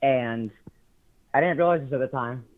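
A man's voice: mid-range voice, normal speed. Nervous young man on a tinny phone line. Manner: hesitant, many ums, nervous laughs. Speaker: caller. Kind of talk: telling a story on a call.

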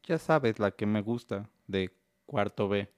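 A man's voice: on the low side, animated, measured pace, no room sound, clean studio sound, pitched below the performer's own voice. A curious six-year-old boy pestering his mom with questions, as a man puts him on. He has a whiny lilt, and his voice leaps up and down. His tone is childlike and a little sulky.

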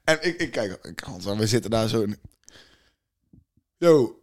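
A man's voice: lowish voice, lively intonation, measured pace. A man co-hosting a casual podcast, telling a story in a rambling way full of restarts and fillers. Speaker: podcast co-host.

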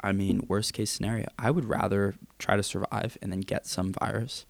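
Young male podcast co-host, gravelly and low, dry home-mic sound, loose and profane. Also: level tone, no room sound. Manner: casual, profane, fast banter. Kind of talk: casual chat. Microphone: home computer mic with headphones.

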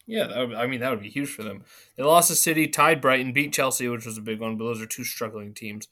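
Fast-talking and medium-pitched, this sports podcast co-host banters casually in an excitable, teasing way. His words come out a bit slurred, like a numb mouth.

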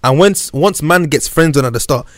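A man's voice: on the high side, normal speed, fairly bright tone, no echo. Slangy young London roadman, dry close sound. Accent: London, urban roadman slang. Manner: slangy, interjecting. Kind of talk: casual group discussion.

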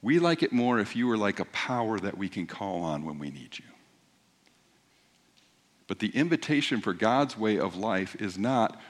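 A man's voice: on the low side, sing-song, normal speed. A man preaching a sermon in a church as pastor, explaining in a conversational teaching manner that builds to emphatic points.

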